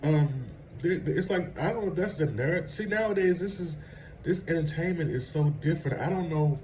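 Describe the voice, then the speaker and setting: A man's voice: on the high side, normal speed, darkish tone, slight background noise, poor audio. A man vlogging casual celebrity gossip commentary, rambling and conversational and laughing at his own asides.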